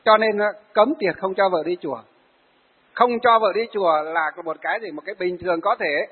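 A Buddhist monk, giving a sermon to lay followers and telling stories of them in a lively way. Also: male voice, high-pitched, a little fast, husky. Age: 40s. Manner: storytelling, acts out the people he tells of. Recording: phone-like, hall reverb.

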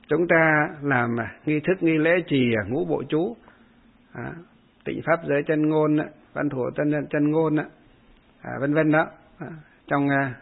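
A man, a Buddhist monk, giving a dharma talk that answers a follower's question, explaining step by step with many hesitation fillers and short chanted verses. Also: fairly high pitch. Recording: husky voice over tinny phone-like line.

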